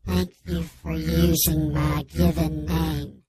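A woman as an anonymous radio caller whose voice is disguised with a slowed, deepened filter, speaking in a prim deadpan. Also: husky, no room sound, exaggerated voice.

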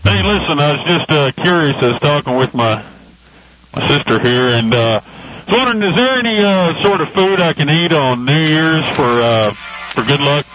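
A man playing a friendly radio show caller in a comedic bit, talking in a casual, halting way with fillers. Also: fairly high pitch, lively intonation, a bit bright, a little hiss or hum, low-quality recording.

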